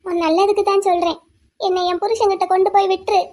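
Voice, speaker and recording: A woman voicing a defiant young wife held captive in a cartoon drama, who calmly pleads and reasons with her captor. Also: very high voice, fast talker. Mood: pleading. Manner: calm, pleading then lecturing at length.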